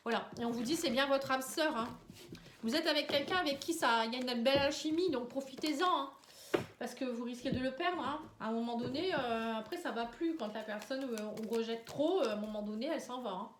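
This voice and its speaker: Speaking straight to camera, a chatty, tired tarot and oracle card reader with a cold-stuffed nose gives a casual horoscope reading in a high voice, tagging lines with "hein" and "vous voyez." The room is echoey and resonant, with a little hiss or hum.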